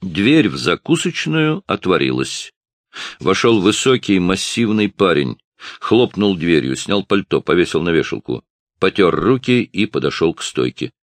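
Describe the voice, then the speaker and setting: A man narrating an audiobook in an expressive storytelling manner. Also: low voice, measured pace, no room sound. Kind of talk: scripted narration.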